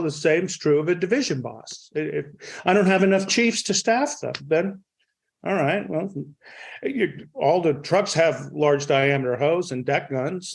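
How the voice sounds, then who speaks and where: A middle-aged American man talking as a fire service instructor in an unscripted discussion, blunt and emphatic. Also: fairly high pitch.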